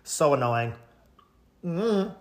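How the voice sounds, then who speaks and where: A man's voice: fairly high pitch, very animated, drawn-out words, darkish tone. A man, a truck driver, telling a story in a rambling, casual rant full of fillers, acting out the people he quotes.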